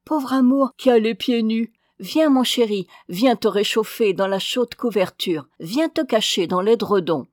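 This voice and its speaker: A woman reading a classic novel aloud as an audiobook, tender and expressive. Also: fairly high pitch, a little slow, hardly any pauses, no echo, studio quality. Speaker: audiobook reader.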